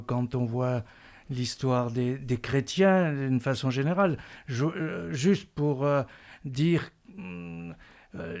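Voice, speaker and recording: A man answering a faith question in a deliberate, hesitant way with many fillers. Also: medium pitch, a little mellow. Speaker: guest speaker.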